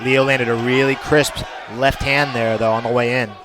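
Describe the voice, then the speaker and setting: A man's voice: mid-range voice, little pitch movement, moderate pace, crowd noise. A man giving conversational color commentary and analysis on a live fight. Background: music.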